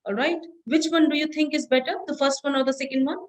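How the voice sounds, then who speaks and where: Woman, high voice, professor, classroom lecture, instructive, checks in with "all right?", stresses key words slowly. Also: steady tone, rough recording. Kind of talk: classroom lecture on presentation skills.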